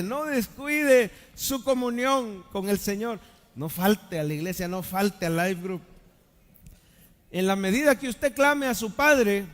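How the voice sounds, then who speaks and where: A male pastor, preaching live to his congregation in a high, ringing voice. He swings between loud calls and hushed, intimate lines, asking the people for amens. His voice trails off into a long church-hall reverb. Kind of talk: live sermon. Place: church sanctuary during a live service.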